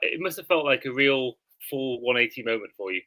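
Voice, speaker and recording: A man's voice: mid-range voice, lively intonation, brisk, sharp tone, rough recording. A man from Wales hosting a sports podcast, chatting in a friendly, easygoing way. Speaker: podcast host. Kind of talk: casual podcast chat.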